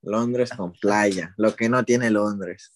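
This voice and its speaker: With a lowish voice and an extremely slow pace, a young Ecuadorian man rambles casually as an interviewee, relaxed, hesitating and correcting himself as he talks. The clean studio sound has no echo.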